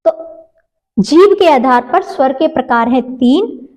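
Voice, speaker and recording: A woman teacher giving a grammar lesson, asking the class questions and answering them herself, repeating points slowly and stretching out sounds. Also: sits high, lively intonation, darkish tone, rough recording.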